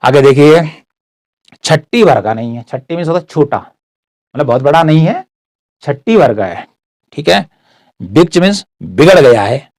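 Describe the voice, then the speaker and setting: A man's voice: a little high, expressive, normal speed, long pauses, a little mellow, dry recording, studio quality. A man explains words one by one as a teacher, often checking in with "ठीक है". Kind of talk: explanatory word-by-word lesson.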